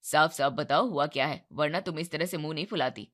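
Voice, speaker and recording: Deep-voiced stern young husband done by a woman narrator, firm and level, storybook reading. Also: fairly quick, a bit bright.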